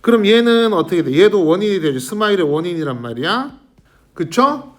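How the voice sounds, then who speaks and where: A man's voice: high-pitched, a little fast. A man teaching an English grammar lesson to a middle school class, constantly quizzing his students and calling on them by name. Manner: lively, questioning students constantly. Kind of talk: classroom lecture.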